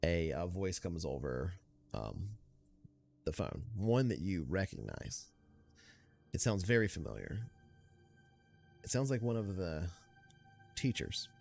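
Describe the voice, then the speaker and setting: A man with a very low voice runs the game and narrates what the players hear. His delivery is loose and rambling, full of fillers. Faint music plays underneath. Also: sing-song, slow, gravelly, pauses often, a little mellow. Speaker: game master.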